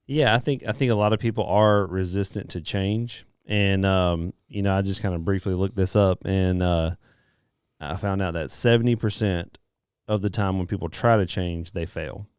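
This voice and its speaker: A middle-aged man co-hosting a podcast in casual chat, relaxed and quick to chuckle. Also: low voice, smooth, no echo, studio quality. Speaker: podcast co-host.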